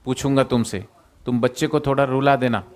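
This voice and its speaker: A man voicing a clever, boastful male jackal in a spoken moral story, calling out loudly so he will be overheard. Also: medium pitch, steady tone, brisk, close to an everyday voice. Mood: scheming. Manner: loud, confident, calling out to be overheard.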